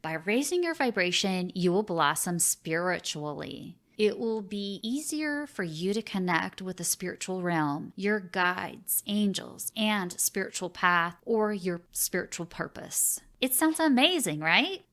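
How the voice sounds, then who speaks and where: A woman presenting a spiritual self-help lesson in a deliberate, earnest manner, stressing key phrases as a teacher would. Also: lowish voice, animated, fairly bright tone.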